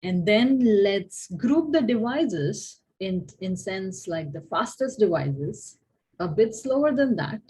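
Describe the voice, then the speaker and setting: A woman's voice: mid-range voice, lively intonation, slow pace, mellow, a little hiss or hum, poor audio. A woman professor giving a university lecture, asking her listeners questions and often restarting her phrases.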